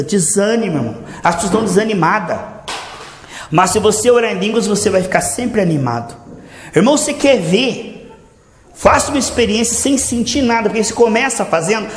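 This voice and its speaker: High-voiced man preaching, echoey room. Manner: earnest, exhorting, keeps addressing "irmãos", drawn-out emphatic words. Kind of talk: sermon. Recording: echoey room with faint ambient noise.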